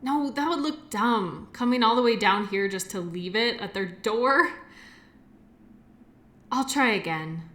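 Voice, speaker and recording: Playing a timid, awkward yet kind medical worker, a woman talks hesitantly and apologetically to the listener in an audio roleplay, rambling as she goes. Her slightly high, bit-bright voice is expressive and a little slow, pausing often, and she sounds nervous and thoughtful.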